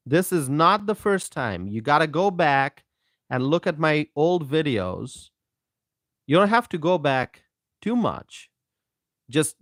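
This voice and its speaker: A man's voice: fairly high pitch, a bit bright, no room sound, clean studio sound. A man from Bangladesh hosting his own political commentary channel, talking straight to viewers in an emphatic, repetitive way. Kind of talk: casual monologue to camera.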